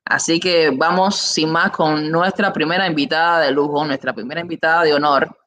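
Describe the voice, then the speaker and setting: A young man with a Cuban accent hosting a live online interview, announcing with enthusiastic, drawn-out emphasis from a room on his webcam. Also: on the high side, fairly even intonation, pushed and bright. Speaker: host. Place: indoor room. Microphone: webcam, video call.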